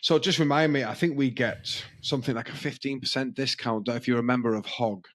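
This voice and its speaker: Rambling podcast co-host. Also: male voice, medium pitch, steady tone, brisk, a bit bright, no echo. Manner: rambling, self-deprecating storyteller. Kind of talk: casual podcast chat. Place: indoor podcast studio, filmed.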